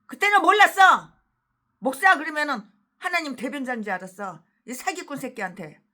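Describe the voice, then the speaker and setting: A woman pastor preaching a fiery sermon, ranting and cursing with emphatic repetition, then reading scripture slowly. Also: high-pitched, sing-song, pushed and bright. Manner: slow drawn-out scripture reading.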